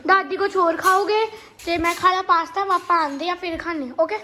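A woman's voice: very high voice, fairly even intonation, a little fast, sharp tone, a little hiss or hum. A young female, a schoolgirl, chatting casually with her family. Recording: busy household voices behind.

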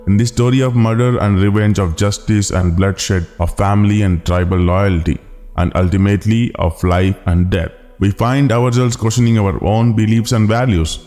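A man with a lowish, dark, mellow voice reads a scripted documentary narration in a solemn, measured, earnest tone. His voice rings with a long reverb, and music plays softly underneath. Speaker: channel narrator.

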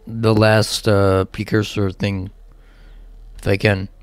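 A man's voice: lowish voice, little pitch movement, slow, clear, resonant tone, no room sound. A man giving casual, rambling let's play commentary, swearing often and talking to himself as he plays. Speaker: gaming channel host.

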